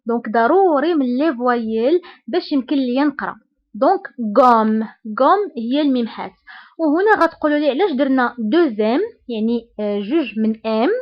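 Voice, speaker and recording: A woman with a Moroccan Arabic accent teaching a beginner French lesson, patient and repeating each sound slowly. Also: high-pitched, expressive, dull audio.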